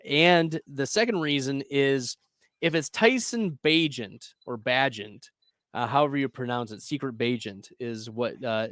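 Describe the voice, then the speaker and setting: A man hosting a casual fantasy football advice chat, upbeat and quick to laugh. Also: mid-range voice, fairly bright tone, dry recording, clean studio sound. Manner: chatty, upbeat, laughs easily. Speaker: fantasy football show host.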